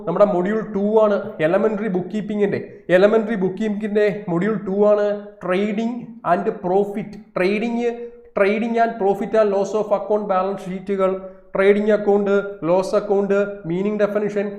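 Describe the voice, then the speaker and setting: A man's voice: sits high, darkish tone, echoey room. A man going through an exam syllabus as a coaching teacher, asking and answering his own questions and repeating key points for stress. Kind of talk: syllabus walkthrough lesson.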